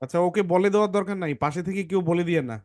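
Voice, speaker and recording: A man's voice: high-pitched, racing, a little mellow. A man teaching English phonics to a children's class, patiently correcting pronunciation sound by sound.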